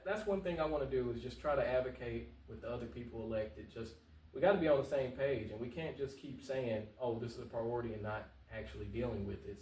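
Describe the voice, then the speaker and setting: Fast and passionate, a local candidate for office answers talk-show interview questions in a casual, earnest, informal way and repeats phrases for emphasis. His voice is mid-range and darkish, with the mic distant and the room echoey.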